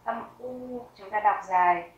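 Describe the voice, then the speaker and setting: Slow, careful woman teaching vocabulary. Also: medium pitch, echoey room, recorded from a distance, highs cut off. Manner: reads each word twice, slowly and carefully. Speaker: German teacher. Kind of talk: slow vocabulary lesson with pronunciation drills.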